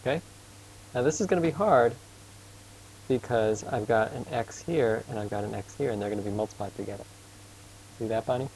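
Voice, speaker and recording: Guy tutoring math, gravelly, patient and casual, bit of hum behind. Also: medium pitch, a little mellow, rough recording. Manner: casual and patient, quizzes his student, admits he talks fast. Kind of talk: informal tutoring lesson.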